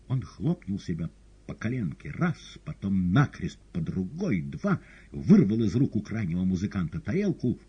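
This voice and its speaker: A man narrating a novel as an audiobook in an expressive, dramatic reading. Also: sits low, slightly rough, lo-fi sound. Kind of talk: scripted literary narration.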